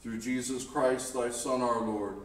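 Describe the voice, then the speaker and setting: A man leading a church liturgy as priest, reciting set prayers in a solemn, measured way. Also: mid-range voice, fairly even intonation. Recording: echoey room from far off.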